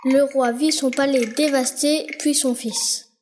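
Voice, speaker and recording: Woman reading a storybook aloud, high voice, slow and careful. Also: fairly even intonation, darkish tone, a little hiss or hum. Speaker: narrator. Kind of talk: storybook narration.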